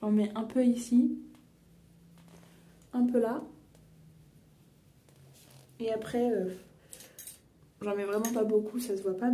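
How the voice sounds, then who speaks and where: A woman's voice: on the high side, dark tone. Chatty young woman in an echoey room. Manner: chatty, rambling, many fillers and self-corrections. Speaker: beauty and books vlogger. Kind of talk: casual chat while doing makeup. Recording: echoey room, a bit far from mic, faint noise.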